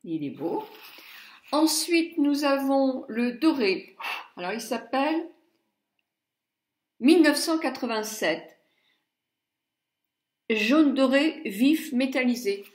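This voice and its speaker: A woman's voice: high-pitched, expressive, slow pace, long pauses, roomy sound. A middle-aged woman chatting through a makeup palette review, muttering asides and stumbling over English names. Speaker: beauty blogger.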